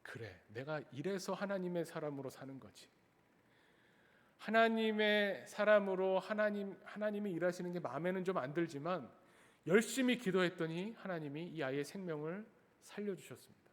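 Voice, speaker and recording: A man's voice: sits high, lively intonation, moderate pace. A man preaching who voices a zealous, impatient male prophet praying bluntly to God. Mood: satisfied. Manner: demanding, blunt. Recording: echoey church hall.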